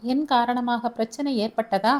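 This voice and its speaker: Woman doing a soft-spoken young man, caring, coaxing, fairly high voice, audio story. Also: fairly even intonation, measured pace, close to an everyday voice.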